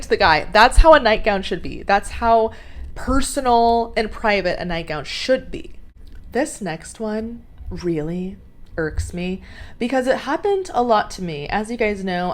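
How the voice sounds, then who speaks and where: Animated exasperated woman ranting. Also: medium pitch. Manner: animated, exasperated, swearing often. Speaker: vlogger. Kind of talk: casual rant to camera.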